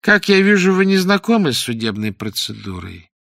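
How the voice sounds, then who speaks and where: A man reading aloud and voicing a sickly, melancholy, cruel chief judge of about forty, in a soft, slow, falsely mild voice. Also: high voice, big pitch swings, creaky, dry recording, studio quality, voice pushed up, exaggerated voice. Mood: falsely gentle. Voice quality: soft, almost plaintive voice.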